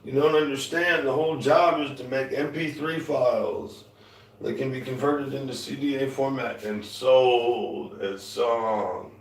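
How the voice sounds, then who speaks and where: With a mid-range voice and a slightly slow pace, a man with a light Southern accent rambles to viewers on his own music and painting show, often trailing off and restarting. The mic is distant, so his voice sounds off-mic in an echoey room with guitar playing.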